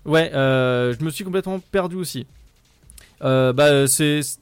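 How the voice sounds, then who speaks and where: Dry, fairly high male radio host. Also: measured pace, clear, resonant tone, no echo. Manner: loose, hesitant, lots of fillers. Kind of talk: casual radio talk. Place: radio studio.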